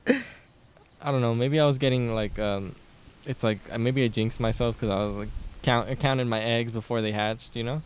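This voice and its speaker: A man's voice: medium pitch, slight background noise. A young man co-hosting a podcast in casual chat. He swears freely, tells stories and laughs often. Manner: loose and profane, quick to laugh and joke. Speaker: podcast co-host.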